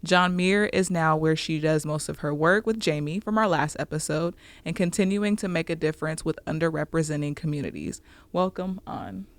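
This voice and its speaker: A woman's voice: low voice, normal speed, few pauses, no room sound. Upbeat woman podcast host, dry sound. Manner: upbeat and chatty, laughs often. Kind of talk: podcast interview, scripted intro then casual chat. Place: studio set with a couch.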